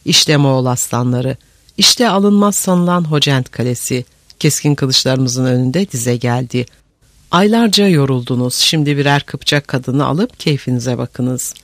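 A man's voice: mid-range voice, a little slow, a bit bright, no echo, clean studio sound. A man doing a cruel gloating Mongol prince. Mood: cruel, commanding. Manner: mocking, commanding, contemptuous. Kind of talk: audiobook character voice.

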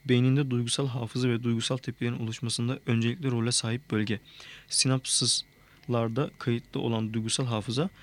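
Measured male audiobook narrator. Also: medium pitch. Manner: even, measured reading. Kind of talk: scripted narration.

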